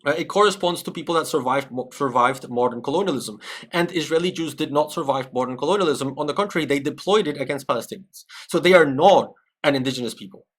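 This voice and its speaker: A man's voice: on the high side, fast talker, a bit bright. A man from Peru giving conversational, analytical commentary on a live stream, often checking in with "right?". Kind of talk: live-stream commentary reacting to a video with chat.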